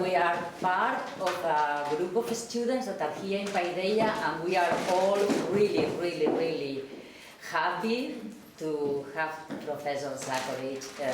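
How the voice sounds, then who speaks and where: Middle-aged woman, hesitant phrasing, low voice, hall reverb and steady noise. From Spain (Barcelona, Catalonia). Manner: hesitant, warm, halting non-native phrasing. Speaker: student introducing a speaker. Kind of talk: public introduction, partly read aloud. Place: lecture hall. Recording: echoey lecture hall with background noise.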